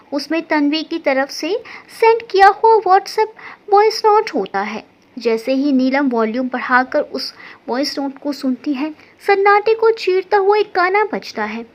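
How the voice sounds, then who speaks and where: High-voiced woman narrating a story. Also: unhurried. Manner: expressive storytelling. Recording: dull lo-fi recording.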